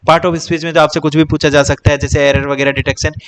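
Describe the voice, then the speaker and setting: A young man coaching students for a teaching exam in an easygoing lecture. His voice sits a touch high for a man. He repeats himself, counts off topics one by one and calls his viewers "bhai". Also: little pitch movement, quick pace. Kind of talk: casual Hindi-English exam coaching lecture.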